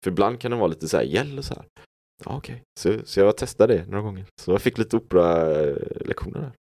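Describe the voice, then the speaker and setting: A man's voice: low-pitched, lively intonation, darkish tone. A man hosting a podcast, telling stories and musing in a rambling, reflective way. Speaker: podcast host. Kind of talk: casual podcast conversation.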